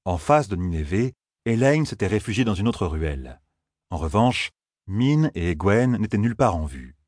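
A man narrating an audiobook in a steady, measured storytelling manner. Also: on the low side, no echo, studio quality. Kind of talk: scripted narration.

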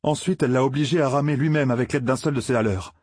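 Audiobook role: male reader doing a young apprentice smith, earnest, husky, close and dry. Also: medium pitch, quick pace, darkish tone, dry recording, voice pushed up, lightly acted. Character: young apprentice blacksmith, steady and bewildered.

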